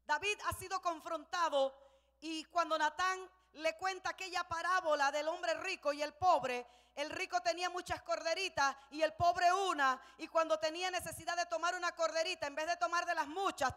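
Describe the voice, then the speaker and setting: Woman pastor preaching, really high voice, big echoey church hall. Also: steady tone, moderate pace. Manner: impassioned storytelling, rising to shouts. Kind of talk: sermon. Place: church sanctuary. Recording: long church hall reverb.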